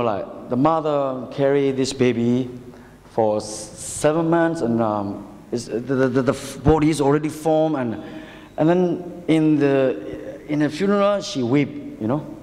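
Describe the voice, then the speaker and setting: A male pastor delivers a sermon with a notably high voice. He speaks haltingly, repeating words and asking his listeners questions. The recording carries a long church hall reverb. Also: darkish tone. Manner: halting, repetitive, asks rhetorical questions.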